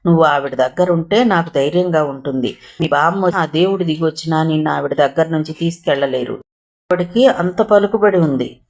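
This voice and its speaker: Storybook hero: a woman voicing a patient, protective young man, low calm delivery. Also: moderate pace. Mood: reassuring. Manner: calm, reassuring advice.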